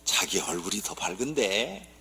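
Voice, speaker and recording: A pastor voicing a gentle, doting husband from Seoul who answers softly. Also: male voice, on the low side, very animated, unhurried, gravelly, slightly rough, voice pushed down, full character voice. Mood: tender. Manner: soft and tender. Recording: long church reverb.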